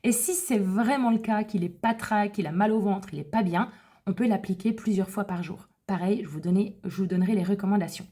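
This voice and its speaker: Mellow, husky-voiced woman explaining products. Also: mid-range voice, brisk. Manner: chatty and explanatory, with self-corrections. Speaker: wellness advisor presenting essential oils for children. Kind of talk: casual product explanation to camera.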